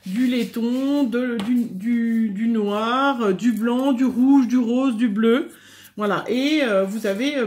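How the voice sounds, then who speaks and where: A middle-aged woman explaining a craft tool in a casual tutorial chat, pausing often with fillers. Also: a little high. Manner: hesitant, many fillers. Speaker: scrapbooking vlogger.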